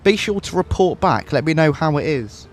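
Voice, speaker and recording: A man chatting casually on a flight sim livestream, relaxed and laughing often, speaking into a headset mic. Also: on the high side, moderate pace, soft background music. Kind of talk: casual livestream chat while flying. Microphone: headset microphone.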